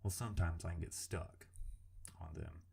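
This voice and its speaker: Rumbly, gravelly man with a serial-killer voice. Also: steady tone, moderate pace, dark tone. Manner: self-deprecating, hesitant, casual swearing. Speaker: artist narrating a drawing video. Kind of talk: informal drawing commentary voice-over.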